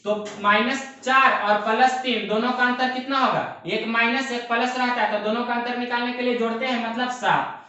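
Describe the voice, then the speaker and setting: A man's voice: very high-pitched, level tone, normal speed, bright, forceful tone, lo-fi sound. A young man teaching a math lesson, explaining step by step and often repeating himself and asking rhetorical questions. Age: young adult. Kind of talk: exam-prep math lesson. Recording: very echoey room.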